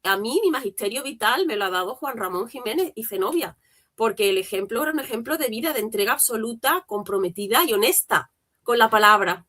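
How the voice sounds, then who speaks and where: A woman from Spain, a philologist guest on a radio interview. Her voice sits slightly high, and she speaks with fervent emphasis, piling up phrase after phrase as her point builds. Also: lively intonation, fairly quick, fairly bright tone. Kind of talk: passionate interview answers.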